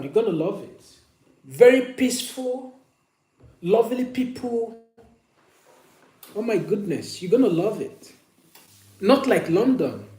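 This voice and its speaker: A man chats casually to a livestream, his voice fairly high for a man yet soft and mellow. He tells stories and gives opinions, circling back to repeat phrases for emphasis. The room rings with echo. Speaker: livestream host. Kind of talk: casual live chat, sharing personal stories and opinions. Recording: echoey room with faint hum.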